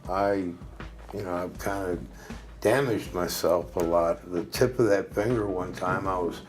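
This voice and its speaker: A man speaking as a benefits applicant in a scripted training role-play, halting and hesitant with many fillers. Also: low-pitched, slight background noise. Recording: music bed under speech.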